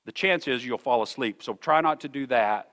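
A middle-aged man preaching a sermon in a church, emphatic and earnest, repeating words as he builds a point. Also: medium pitch. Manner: slows to a soft, measured pace for scripture reading. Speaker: senior pastor. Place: church sanctuary.

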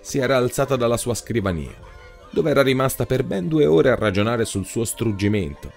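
A man narrating a short story in a scripted, expressive storytelling manner. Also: medium pitch, brisk, creaky. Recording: soft background music.

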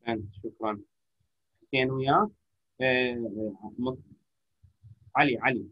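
Husky Iraqi man teaching an online class. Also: mid-range voice, steady tone. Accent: Iraqi Arabic. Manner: patient, repeats phrases slowly to model pronunciation. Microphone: computer or phone mic on a video call. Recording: lo-fi online call audio.

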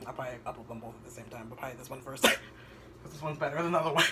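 A young man talking casually in a home kitchen vlog, rambling with many pauses and ums. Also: medium pitch, heavy background noise. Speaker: vlogger. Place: home kitchen at night, indoors. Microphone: camera on the counter.

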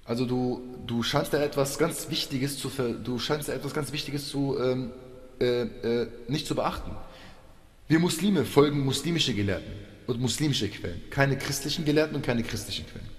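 A man's voice: medium pitch, moderate pace. A man delivering a polemical monologue, lecturing with rhetorical questions and repeating himself. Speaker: religious video commentator. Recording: echoey room with long reverb.

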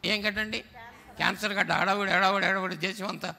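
A man's voice: high-pitched, steady tone, fast talker, creaky, bright, forceful tone. A man preaching a sermon as pastor, calling on the congregation to answer back. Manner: preaching with call-and-response to the congregation. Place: church sanctuary. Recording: church hall with long reverb.

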